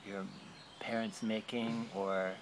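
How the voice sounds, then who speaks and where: A man's voice: fairly low pitch, flat delivery, slow, noisy background. A man interviewing someone and explaining a book project at length, thoughtful and a little rambling.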